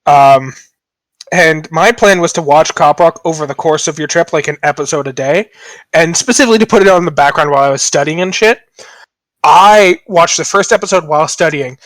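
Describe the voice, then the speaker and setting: A young man hosting a podcast with a slightly high voice, rambling through jokes at his own expense. The sound is dry and close, with no room around it. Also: a little fast, fairly bright tone, no echo. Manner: joking, rambling, self-deprecating. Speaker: podcast host. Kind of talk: casual podcast banter.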